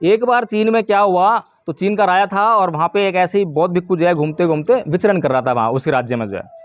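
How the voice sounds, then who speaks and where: Male preacher, high voice, dry sound. Lectures a village crowd and answers his own questions. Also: fairly quick, no echo. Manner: asks the listeners questions and answers them himself. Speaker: Buddhist preacher. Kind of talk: dhamma talk to a village gathering.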